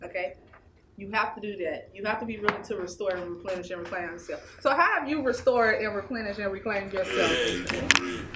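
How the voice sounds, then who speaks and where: A woman's voice: mid-range voice, a little fast, background noise. A woman, an interview guest speaking emphatically and repeating her points. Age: 20s. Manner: emphatic and preachy, repeats phrases. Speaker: interview guest, anger management specialist. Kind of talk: casual interview talk. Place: small indoor studio set.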